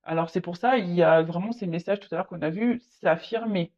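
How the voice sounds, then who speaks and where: Halting woman giving a tarot reading. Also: lowish voice, darkish tone. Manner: halting, repeats words, many fillers; speaks directly to the viewer. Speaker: tarot reader. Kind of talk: casual tarot reading to camera. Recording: slightly dull lo-fi audio.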